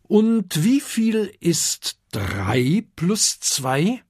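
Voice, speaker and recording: A reader voicing a patient dragon schoolteacher in a children's story, explaining slowly and clearly. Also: mid-range voice, big pitch swings, a little mellow, no echo, clean studio sound, voice pushed up, heavily acted. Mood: teaching. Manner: slow, explaining, teacherly.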